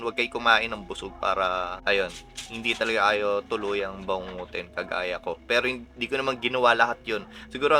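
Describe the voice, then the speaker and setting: A young Filipino man tells his viewers about a frightening dream in a loose, chatty way, mixing in English words and calling them "boss". His voice is very bright and forward. Soft music plays behind him. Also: on the low side. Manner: chatty, often addresses listeners as "mga boss". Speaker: vlogger. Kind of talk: casual storytelling.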